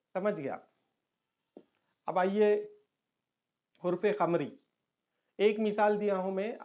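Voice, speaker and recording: Male teacher. Patient online lesson that repeats key terms and switches into English. Dull, lo-fi recording. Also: high voice.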